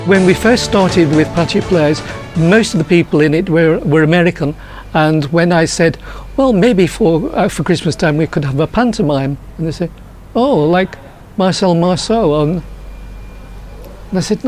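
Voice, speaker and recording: A man being interviewed as a theatre writer-director, explaining haltingly and repeating words as he goes. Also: on the high side, a little mellow. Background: music.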